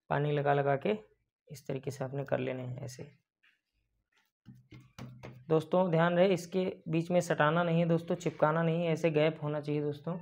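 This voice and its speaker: A young adult baker who hosts a cooking channel narrates a recipe step by step, repeatedly calling his viewers friends. His voice is on the high side, gravelly and a little mellow, captured on a lapel mic with dull, lo-fi sound.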